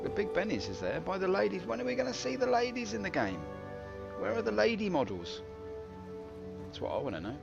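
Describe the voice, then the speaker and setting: This man, a game streamer, has a gravelly, medium-pitched voice. As he plays live to game music, he grumbles in a wry, self-mocking way.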